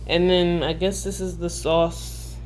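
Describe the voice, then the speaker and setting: A woman's voice: lowish voice, level tone, slow pace, darkish tone, a little hiss or hum. A woman vlogger chatting casually to the camera in a conversational way, often peppering her sentences with filler "like". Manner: conversational, frequently saying "like".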